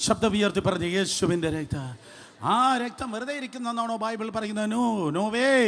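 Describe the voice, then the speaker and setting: A male pastor preaching a charismatic sermon, calling out to the congregation, repeating phrases and swinging from shouts to hushed asides, with English phrases mixed in. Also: extremely high pitch, a little fast. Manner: shifts between loud shouting and hushed asides.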